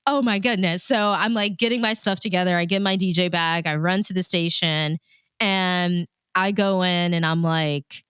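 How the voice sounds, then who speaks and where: A woman who works as a radio DJ and host, here appearing as an interview guest, tells stories in a casual, conversational way, animatedly acting out her own thoughts. Her voice is on the low side, steady and fairly bright at normal speed. The recording is dry and clean, with studio sound.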